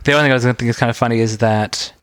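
A man chats quickly on a podcast, throwing out trivia in an easy, casual way. His mid-pitched voice comes through a close, dry mic with no room sound. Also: steady tone, a bit bright, no echo. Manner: quick, chatty, trivia-sharing. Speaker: podcast co-host. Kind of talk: casual chat.

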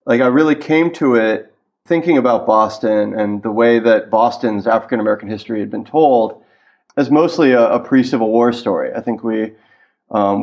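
A man's voice: on the low side, a little mellow. A man from Washington, D.C. answering interview questions thoughtfully over a remote line, with fillers and restarts. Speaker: guest historian. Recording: dull lo-fi call-in line.

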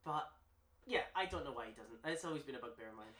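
A man's voice: medium pitch, lively intonation, fast talker, a bit bright. A man chatting casually as a podcast co-host, laughing often and enthusiastic. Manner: chatty, laughs often, puts on voices in jokes. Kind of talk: casual chat. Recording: echoey room.

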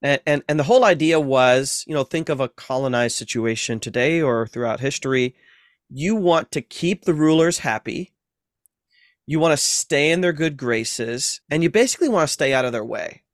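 A man's voice: mid-range voice, expressive, moderate pace, no echo, studio quality. A man who is a seminary professor, a guest on a podcast, explaining ideas patiently with everyday comparisons. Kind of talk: explanatory interview talk.

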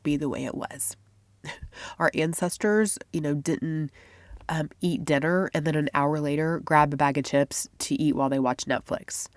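With a low-sitting voice and a blocked, congested nose, a woman chats her way through a casual monologue on her faith-based health podcast. She is confiding and laughs a lot, and the recording has no echo.

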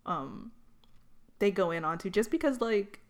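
A woman in her twenties co-hosting a casual podcast, relaxed and agreeable, talking with easy fillers. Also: mid-range voice, measured pace. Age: 20s. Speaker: podcast co-host. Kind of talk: casual chat.

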